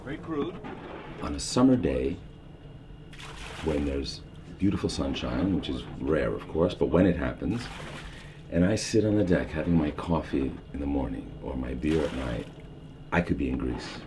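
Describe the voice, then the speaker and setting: Speaking from a houseboat on a river, this middle-aged American man with a New York accent meanders through long reflections for a documentary, full of fillers and false starts. His voice is very deep and animated at a moderate pace, against a noisy background.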